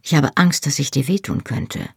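A woman reading an audiobook, voicing a young, inexperienced man who is earnest and tender, with a soft, hushed whisper. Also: extremely low pitch, expressive, moderate pace, creaky, slightly rough, dry recording, studio quality, exaggerated voice.

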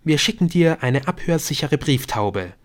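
A man reading an audiobook, voicing a quick-witted teenage girl with a dry, deadpan manner. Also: on the high side, pitched above the performer's own voice, natural voice. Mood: determined.

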